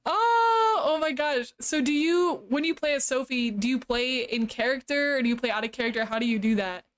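A woman hosts a casual podcast interview with a high, light voice. She gushes with enthusiasm and keeps the chat moving with eager questions. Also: a little fast. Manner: gushing and enthusiastic. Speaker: podcast host.

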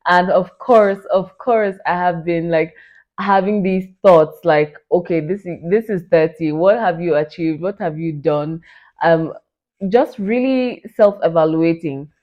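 A woman in her late twenties hosting a solo podcast, talking in an excited, chatty way full of "like" and "you know". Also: lowish voice, unhurried. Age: 20s. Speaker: podcast host. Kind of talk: casual solo podcast talk. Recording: dull lo-fi recording.

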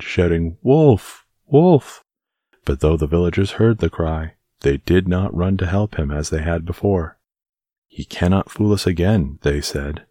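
Deep, husky-voiced bedtime narrator. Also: male voice, darkish tone, no room sound, clean studio sound. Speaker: podcast host and narrator. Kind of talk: calm bedtime story narration.

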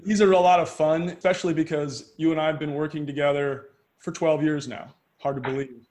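A man's voice: on the high side, fairly even intonation, brisk, darkish tone. A man hosting a podcast interview, reading a scripted intro and then chatting in a friendly, conversational way. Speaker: podcast host.

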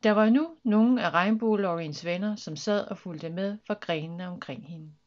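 A woman reading a children's story aloud with lively, expressive narration. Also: fairly low pitch, muffled recording.

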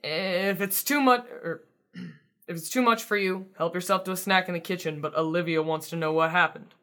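A man doing a gruff, grim old great-uncle. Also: high-pitched, sharp tone, pitched above the performer's own voice. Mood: irritated. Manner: blunt, slow and grim.

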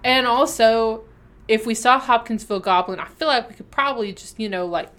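A woman's voice: fairly high pitch, a little fast, fairly bright tone. A woman co-hosting a podcast in casual, playful, rambling chat. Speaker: podcast co-host.

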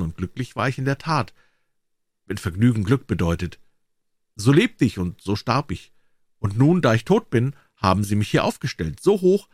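A man voicing a sorrowful, gentle golden prince statue in a storybook reading, soft and melodious. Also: mid-range voice, no echo, natural voice.

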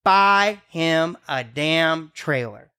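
A man's voice: fairly high pitch, lively intonation, drawn-out words, sharp tone, clean tone. A man in his forties telling crude, profane comedy stories in a casual podcast chat. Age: 40s. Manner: crude, profane, rambling anecdotes. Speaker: podcast host.

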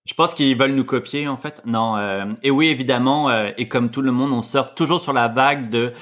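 A man's voice: medium pitch, moderate pace, fairly bright tone. A man co-hosting a podcast, reading news items with frequent hesitations. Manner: reads news items with fillers. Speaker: podcast co-host. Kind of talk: casual podcast news chat.

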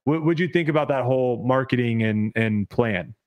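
A man's voice: medium pitch, normal speed, highs cut off. A man hosting a podcast, reading a sponsor ad and then chatting loosely, repeating words as he goes. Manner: rambling, repeats words, laughs easily. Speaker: podcast host. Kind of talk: casual podcast chat with ad read.

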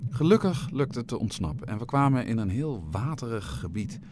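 A male narrator reading a storybook aloud in a playful, expressive way. His pitch rises and falls a lot, and faint noise sits under the recording. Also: a little fast.

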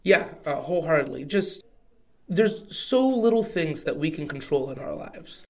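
Higher-voiced young man with an Oklahoma accent. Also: animated, normal speed, a little mellow. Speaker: podcast co-host. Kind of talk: casual podcast chat.

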